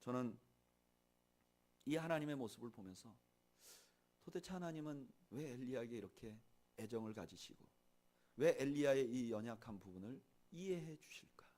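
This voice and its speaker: A man preaching to his congregation in a church, his voice sitting in an ordinary middle pitch. He swings between loud, emphatic passages and soft, hushed ones. He slows down and draws out his words when he reads scripture aloud. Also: lively intonation. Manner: slow measured reading of scripture with the congregation. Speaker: pastor. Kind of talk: sermon. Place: church sanctuary.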